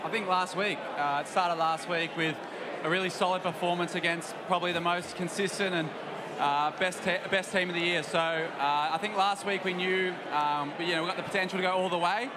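A young Australian man, a footballer, answering post-match questions outdoors at a stadium in a plain, measured way. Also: sits high, steady tone. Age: young adult. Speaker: footballer interviewed after a match. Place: outdoors at a stadium beside the field. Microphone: handheld mic with headset. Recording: crowd and stadium noise.

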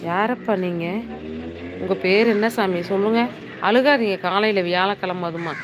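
At a moderate pace and medium pitch, a middle-aged woman chats and teases through a casual live stream, exclaiming constantly as she reads viewers' comments into her phone. She's in a hill town in the Nilgiris, and there's background noise.

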